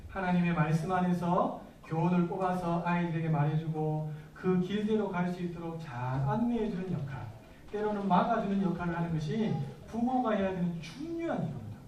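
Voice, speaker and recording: A man's voice: sits high, a little fast, darkish tone, slight background noise. A man in his thirties, a pastor, preaching a sermon conversationally and asking the congregation questions. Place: church hall. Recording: echoey room from far off.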